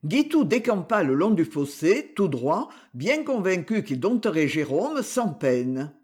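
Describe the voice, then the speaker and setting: Expressive man reading a novel aloud. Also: high voice, measured pace, breathy edge. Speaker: audiobook narrator. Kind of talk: literary audiobook reading.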